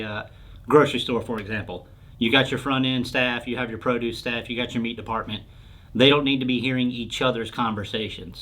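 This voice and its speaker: In an informal explainer interview, a man answers questions as a sales expert, plainly explaining things. His voice is mid-range with a fairly bright tone.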